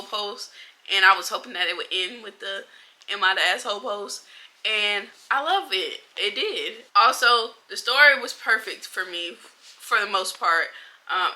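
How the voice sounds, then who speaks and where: Bright, chatty young woman vlogger. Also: mid-range voice. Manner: animated, blunt and chatty, heavy slang. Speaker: book vlogger. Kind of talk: casual reading wrap-up chat.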